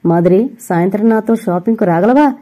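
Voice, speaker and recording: A woman's voice: medium pitch, a little fast, mellow, close to an everyday voice. A woman reading a smug, bossy rich boss. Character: commanding wealthy male boss, smug.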